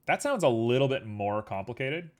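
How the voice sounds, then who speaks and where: A livestreamer chats casually while working on a 3D model, his medium-pitched voice very animated and moderately paced. He's easygoing and rambling, full of fillers, and a little sniffly.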